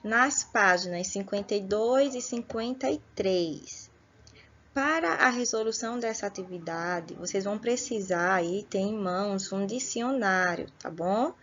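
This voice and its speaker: A woman teaching an online school lesson, slowly explaining words and calling her pupils her dears. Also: mid-range voice, a bit bright, muffled recording. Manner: slow, explanatory, affectionate asides to pupils.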